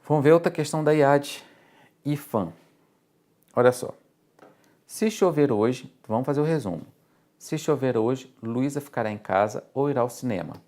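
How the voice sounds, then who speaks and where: A man's voice: mid-range voice, expressive, moderate pace, long pauses, darkish tone. A man with a Brazilian Portuguese accent teaching logic for exam prep, explaining step by step and checking in with the class.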